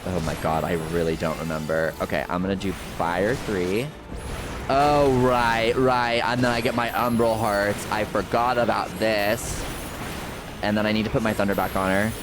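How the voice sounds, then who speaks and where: A man's voice: lowish voice, fairly even intonation, normal speed, noisy background. A man doing casual, playful game commentary, thinking aloud and swearing now and then as a streamer. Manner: playful, self-talking, sweary.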